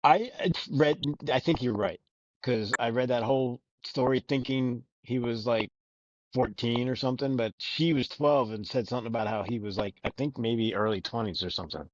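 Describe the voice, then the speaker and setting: A man's voice: mid-range voice, moderate pace, dry recording. A man co-hosting a podcast, talking loosely about a book, rambling, joking and swearing a lot. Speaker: podcast co-host. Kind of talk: casual book discussion. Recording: dull lo-fi recording.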